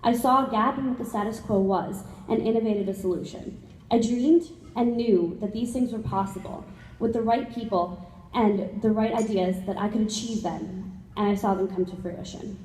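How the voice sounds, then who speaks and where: A woman delivers a formal prepared speech in a medium-pitched voice. The sound is distant and echoey, as in a big hall, with faint noise. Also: moderate pace, darkish tone. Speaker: student scholarship winner giving a speech. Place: large indoor event hall.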